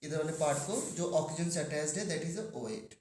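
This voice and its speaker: A man teaching chemistry to a class, asking the students questions and drawing out key terms slowly. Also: a little high, darkish tone, roomy sound, slight background noise. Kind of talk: classroom lecture.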